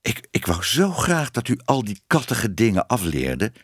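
A man's voice: on the low side, very animated, normal speed, slightly rough, no echo, exaggerated voice. A shy, fussy storybook man lecturing and exclaiming, his voice leaping up and down as he tries to sound stern, as a man plays him. The reading is close-miked and dry. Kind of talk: audiobook reading.

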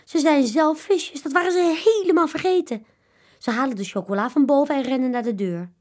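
A woman reading a children's story aloud, expressive and animated. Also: sits high, fairly quick.

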